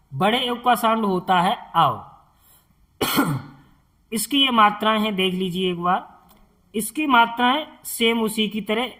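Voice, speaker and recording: A man teaching a slow, step-by-step lesson as a Hindi tutor. He speaks patiently, repeats each sound and quizzes the viewer on it. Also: high voice, bright, forceful tone.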